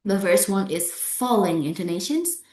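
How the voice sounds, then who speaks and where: A woman with an Indonesian accent gives a pronunciation lecture, often checking in with "okay" and "yeah" and making small non-native grammar slips. Her medium-pitched, darkish voice has lively intonation at a moderate pace, in a room with roomy echo.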